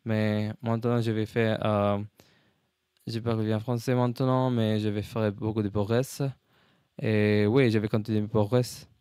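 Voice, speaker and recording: A man with a fairly low, very smooth voice records a casual practice vlog in a dry setting. He is a learner whose French has a foreign accent, and he feels his way haltingly from word to word. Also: level tone, dark tone, no room sound. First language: not French, a learner. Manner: halting, searching for words, switching between English and French. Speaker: language learner, video host.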